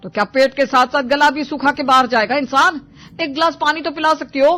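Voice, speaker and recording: Grumbling, put-upon young husband voiced by a woman, mid-pitched cartoon voice. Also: a little fast, faint music behind, lightly acted. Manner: complaining, teasing. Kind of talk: cartoon voice acting.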